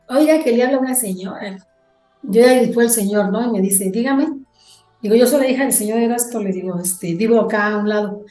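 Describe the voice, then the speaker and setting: A fairly high-voiced woman tells a ghost story to her podcast hosts. She tells it with animation and acts out every line of dialogue she quotes, and her voice rings in an echoey room. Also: a little mellow. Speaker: guest.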